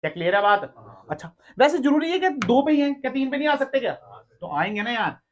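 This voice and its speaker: A high-pitched male teacher runs a lively classroom lecture and keeps quizzing his students. He teases and scolds them in between questions. The recording sounds dull and lo-fi. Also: quick pace. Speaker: physics teacher. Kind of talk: classroom lecture with call-and-response.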